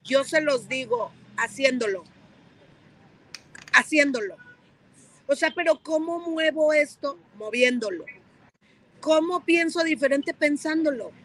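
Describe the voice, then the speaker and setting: A woman's voice: high-pitched, animated, slow pace, pauses often, fairly bright tone, low-quality recording. A woman on a podcast panel, talking emphatically and repeating her key words. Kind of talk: casual podcast panel talk.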